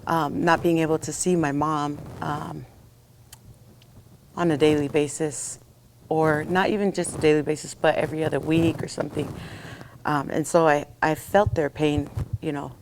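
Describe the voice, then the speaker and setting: A woman co-hosting a podcast, telling a family story in a rambling, animated way with lots of fillers. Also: deep voice, normal speed, gravelly, slight background noise. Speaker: podcast co-host. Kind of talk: casual storytelling chat.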